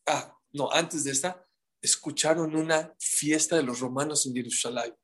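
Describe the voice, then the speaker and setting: A man's voice: on the high side, moderate pace, a bit bright. A man teaching a live Talmud class, telling the stories dramatically and firing rhetorical questions at his listeners.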